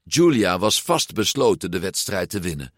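Male storyteller, slow, expressive, lowish voice, dry close sound. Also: no echo. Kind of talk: storybook read-aloud narration.

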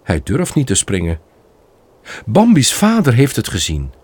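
A man narrating a children's storybook aloud in an expressive read-aloud manner. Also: mid-range voice, measured pace, breathy edge, dry recording.

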